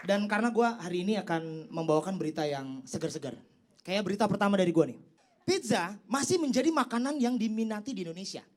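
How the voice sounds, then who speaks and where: A young man performing a stand-up comedy set on stage, teasing the crowd and leaping up in pitch for his punchlines. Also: animated, quick pace, a little mellow. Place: comedy stage before a live audience. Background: audience laughter and applause.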